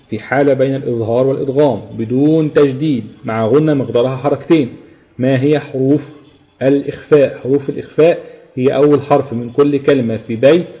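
A man with an Egyptian Arabic accent teaching a live tajweed lesson, explaining rules step by step, checking in with his students and slowly chanting the examples. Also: mid-range voice, warm tone. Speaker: Quran recitation teacher.

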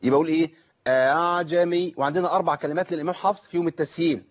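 Brisk Egyptian Arabic tajweed teacher. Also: male voice, a little high, fairly even intonation, lo-fi sound. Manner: explains by asking himself questions, then demonstrates slow, drawn-out recitation. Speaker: Quran recitation teacher. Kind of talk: tajweed lesson answering viewer questions.

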